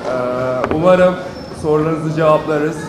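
A man's voice: on the high side, unhurried. A young man, a basketball player introducing himself at a panel with a handheld microphone. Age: young adult. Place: school auditorium. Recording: noisy echoey hall.

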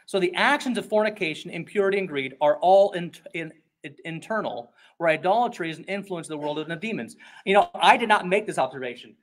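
A male pastor preaching an expository sermon in a conversational, emphatic way, often slipping into quick acted-out voices. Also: sits high, lively intonation.

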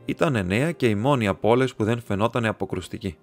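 A man narrating an audiobook in a steady, measured storytelling manner. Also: on the low side. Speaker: audiobook reader. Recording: soft instrumental music underneath.

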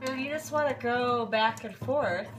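A natural health blogger in her thirties, a little hoarse from a cold, shows a home remedy in her kitchen in a casual how-to vlog, chatty and full of ums and uhs. Her voice is fairly high and unhurried, with slight background noise. The built-in camera mic is close, sometimes farther off.

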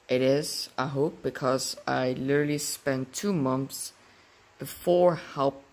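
A man giving a halting, casual video intro, pausing often and asking viewers to subscribe. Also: medium pitch, a little mellow. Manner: halting, many pauses and fillers, asking to subscribe. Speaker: video uploader.

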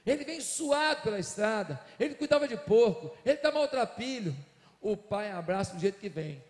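A man preaches a sermon, his voice set high for a man. He tells the story dramatically, dropping to quiet lines and then rising to shouts. The sound carries a long reverb from a large hall. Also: very animated, normal speed. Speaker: pastor. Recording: echoey hall.

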